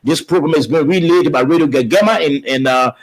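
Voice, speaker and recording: A man hosting a radio talk show, speaking haltingly with many restarts. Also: fairly high pitch, rough recording. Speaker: radio host.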